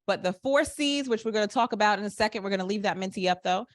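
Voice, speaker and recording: A woman's voice: medium pitch, fast, no echo, clean studio sound. A woman presenting a live business workshop, upbeat and engaging, asking her audience questions. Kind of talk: interactive live workshop talk. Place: conference room with live and online audience.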